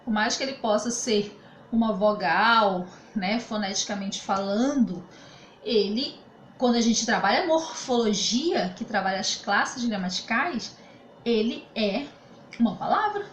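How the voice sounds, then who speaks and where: A Brazilian woman with a fairly high voice teaches grammar from home, patient and explanatory, often pausing to check that her students follow. Her voice bounces around a roomy space, with a faint hum of ambient noise behind her. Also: expressive. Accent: Brazilian Portuguese. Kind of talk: remote grammar lesson. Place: home room during quarantine.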